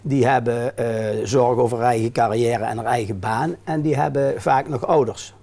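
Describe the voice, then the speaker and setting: A man's voice: medium pitch, steady tone, moderate pace, warm tone. A man as a guest on a local TV talk show, explaining his care initiative hesitantly with many filler sounds. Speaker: guest, care company founder.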